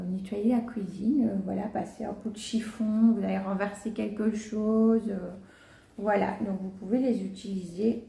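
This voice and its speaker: A woman's voice: a little high, gravelly, mellow. A young woman with a Belgian French accent chatting casually through a product unboxing, full of hesitations and little apologies. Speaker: vlogger. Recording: echoey room, faint noise.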